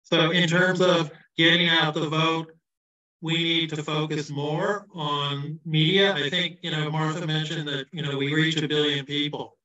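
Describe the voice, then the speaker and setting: Midwest guy pitching himself on a video call, big hall echo, far off the mic, kinda muffled. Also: level tone, a little slow, sharp tone. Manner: informal, loose and self-deprecating. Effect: heavy hall echo on his voice. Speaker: candidate for party office. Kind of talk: campaign speech at an online event. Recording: echoey room, far from the mic, dull.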